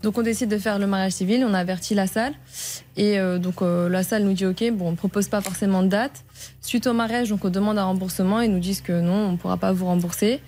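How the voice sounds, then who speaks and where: A woman talks fast as she recounts her story on a radio show. She hesitates often, restarting her sentences and filling pauses. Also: medium pitch, steady tone, a little mellow. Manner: hesitant, many fillers and restarts. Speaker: caller with a consumer complaint. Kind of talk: casual telling of her story.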